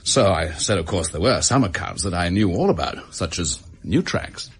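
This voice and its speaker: In a radio drama, an English-accented male actor with a low, animated voice plays a desperate, bitter office worker making a halting confession. The mood is uneasy and confiding.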